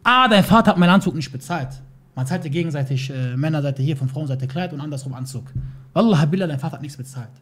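A young man rants in a vlog with a husky, slightly high voice, words tumbling out fast. He is agitated, swears oaths and slips Turkish phrases into his German. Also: animated, fairly bright tone. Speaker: YouTuber responding to a video. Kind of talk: heated personal vlog rant.

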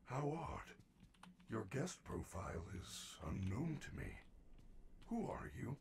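A woman voicing a calm, cold security system in a game, making measured, detached announcements. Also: rumbling low, vocal fry, slight background noise, heavily acted.

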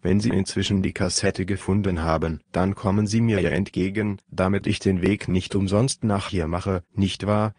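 Man reading an agreeable companion, deep dry voice, willing tone. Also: fairly even intonation, moderate pace, hardly any pauses, a little mellow, dry recording. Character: obliging male companion. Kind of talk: audiobook reading.

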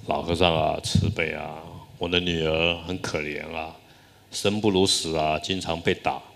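A man voicing a grieving old mother in a story, lamenting and pleading softly. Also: rumbling low, steady tone, normal speed, gravelly, heavily acted. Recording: long hall reverb.

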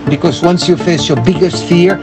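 An older Belgian performance painter with a high voice and a French-speaking Belgian accent tells stories at a moderate pace in a casual interview. The conversation takes place in the small living area of a converted bus, with music playing in the background.

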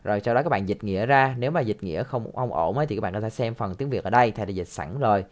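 A man teaching an English listening lesson, patiently repeating phrases and adding soft tag words. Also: fairly low pitch, lively intonation, fast.

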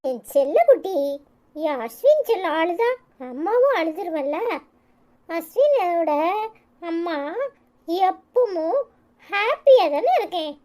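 A woman voicing a gentle, reassuring mother in a Tirunelveli Tamil accent for a cartoon. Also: extremely high pitch, very animated, slow pace, long pauses, heavily acted. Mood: soothing. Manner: coaxing, reassuring. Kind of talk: cartoon comedy voice acting.

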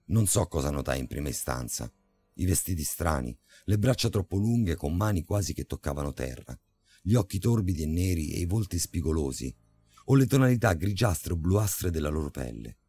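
Deep-voiced male horror narrator. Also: big pitch swings, mellow. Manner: dramatic, measured storytelling. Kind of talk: scripted horror story narration. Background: faint music.

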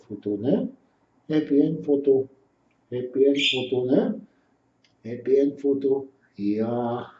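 A man's voice: mid-range voice, a little hiss or hum. A man talking to his pet birds in a teasing, sing-song coaxing way, tacking "hä?" and "ne?" onto his questions, at home. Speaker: pet bird owner. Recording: dull, roomy home video from a distance.

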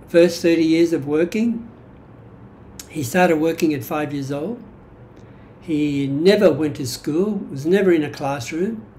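Recording in a small room at home with some noise behind him, a Greek-born vlogger who grew up in Australia reflects on his life story from notes. He is in his seventies, with an Australian accent and a mellow, soft-edged, fairly high voice, and he pauses often and corrects himself as he goes.

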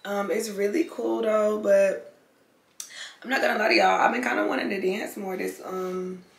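A woman's voice: mid-range voice, fairly even intonation, normal speed, vocal fry. A young woman vlogger chatting casually to camera while she eats, loose and slangy with plenty of swearing. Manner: loose, slangy and swearing, chewing between lines. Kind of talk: casual mukbang chat to camera. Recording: echoey room, faint background noise.

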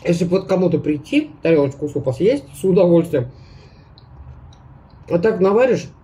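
A woman's voice: on the low side, animated, moderate pace, warm tone. A woman food vlogger chatting casually to her viewers with her mouth full, chewing as she talks. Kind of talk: casual mukbang chat to viewers.

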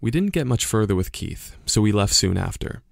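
In an audio drama, a male actor plays a curious young podcaster-investigator, narrating and asking questions in a measured way. His voice is on the low side and creaky, with big pitch swings, recorded in studio quality with no room sound.

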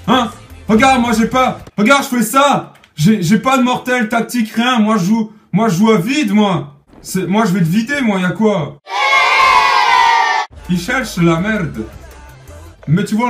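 A man giving excitable gameplay commentary, swearing and yelling at opponents as he plays. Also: high voice, recorded from a distance. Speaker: gamer. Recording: echoey room, voice off-mic, music underneath.

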